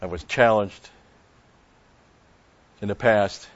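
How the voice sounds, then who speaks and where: A man preaching a sermon in a measured way, with emphatic stresses. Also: lowish voice, dull audio. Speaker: pastor.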